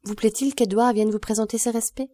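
A woman's voice: on the high side, steady tone, a little fast, mellow, no echo, pitched above the performer's own voice, close to an everyday voice. A woman reading an audiobook, voicing a cool society lady who speaks politely, formally and in a clipped way.

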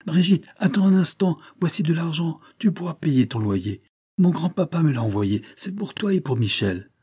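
A man reading an audiobook, voicing an earnest, excited little boy who has just become heir to a title. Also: medium pitch, normal speed, slightly rough, no room sound, studio quality, close to an everyday voice. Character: eager, kind-hearted little boy heir.

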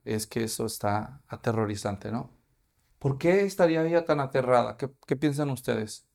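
A man's voice: mid-range voice, creaky, darkish tone. A man, preaching a sermon as pastor and asking his congregation questions.

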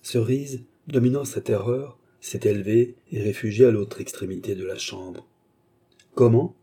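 A man reading a novel aloud as narrator, dramatic and expressive. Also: fairly low pitch, normal speed, slightly rough.

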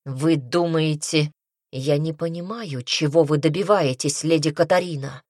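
A woman's voice: sits low, measured pace, darkish tone, dry recording, clean studio sound. A woman reading an audiobook, voicing a proud young nobleman who hisses his words in a clipped, reproachful way. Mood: hissing. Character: cold, proud young nobleman, quick to anger. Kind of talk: audiobook character voice.

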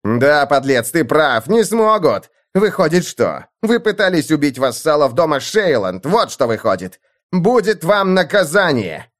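A man doing a loud, cruel young lord. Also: mid-range voice, very animated, moderate pace, close to an everyday voice. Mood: raging. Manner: shouting, bullying, gleeful. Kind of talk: audiobook character voice.

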